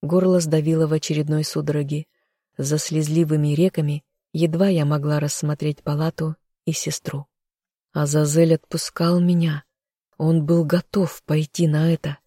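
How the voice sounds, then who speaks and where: An audiobook narrator reads first-person narration in a measured way. The delivery is flat and even, with a mellow, dark tone. The recording is dry and close. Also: mid-range voice, dry recording.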